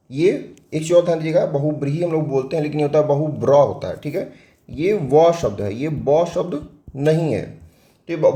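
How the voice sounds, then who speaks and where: A man with a Hindi accent teaching an exam-prep spelling lesson, his voice sitting a little high yet mellow. He walks through each word step by step, posing questions and answering them himself. The sound carries a roomy echo. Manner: explains step by step, asks and answers own questions.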